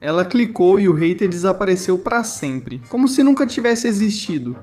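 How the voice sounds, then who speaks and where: A man narrating funny family anecdotes with animated, exaggerated comic delivery. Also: sits high, moderate pace, over music. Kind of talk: scripted comedic story narration.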